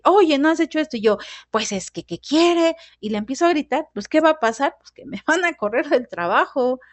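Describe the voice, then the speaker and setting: A woman's voice: fairly high pitch, no room sound. A woman teaching a lesson on emotions, chatting casually and often checking in with "¿no?" and "¿vale?". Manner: conversational, tag questions like "¿no?" and "¿vale?". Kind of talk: lecture on emotions.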